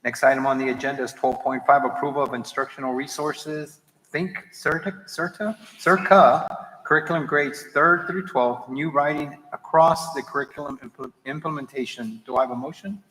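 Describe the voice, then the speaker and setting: In a reverberant hall with some background noise, a man chairs a formal board meeting. He is brisk and businesslike as he moves through the procedure, with a mid-pitched voice. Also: fairly even intonation, a bit bright. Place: large echoey meeting room.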